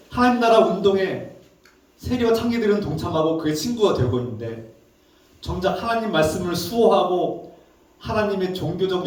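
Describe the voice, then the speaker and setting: Man preaching in a very echoey hall. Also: high voice. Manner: preaching with rhetorical questions and repetition. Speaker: pastor. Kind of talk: sermon. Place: large church sanctuary. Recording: very echoey hall, distant mic.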